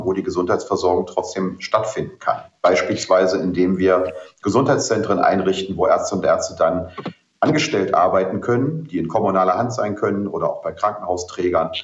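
A man's voice: low-pitched, echoey room, highs cut off. A man who is a politician, answering interview questions in an earnest, explanatory way with frequent ums and ahs.

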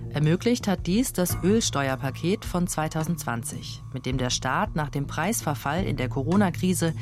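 Documentary narrator, even and measured. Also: mid-range voice.

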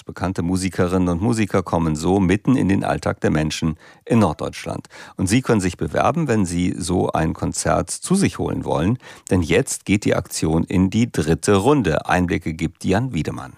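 Deep gravelly male radio presenter. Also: animated, darkish tone, dry recording, studio quality. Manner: measured, announcing. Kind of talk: scripted news presenting. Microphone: close studio mic.

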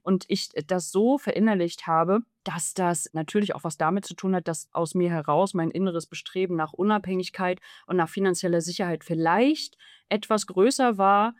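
A woman's voice: lowish voice, moderate pace, no room sound, studio quality. A woman in her thirties from East Germany, an author answering interview questions in long, fluent, emphatic sentences. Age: 30s. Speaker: author and journalist guest.

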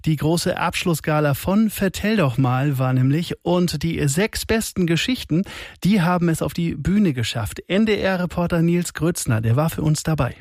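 Upbeat radio host. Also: male voice, a little high, expressive, a little slow, darkish tone, no echo, studio quality. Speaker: radio presenter. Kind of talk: live radio presenting.

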